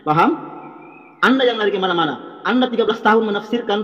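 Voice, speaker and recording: High-pitched insistent man, dull echoey audio. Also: quick pace, a bit bright. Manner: insistent, repeats himself. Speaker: Islamic preacher. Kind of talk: heated online debate.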